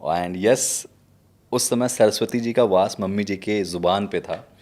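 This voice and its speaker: Man, low voice, interview host, enthusiastic, talks to the audience. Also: measured pace, darkish tone. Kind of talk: conversational interview.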